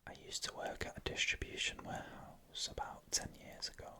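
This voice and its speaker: A person whispering scary first-person stories in a hushed, unvoiced ASMR narration from start to finish. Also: brisk. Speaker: storyteller.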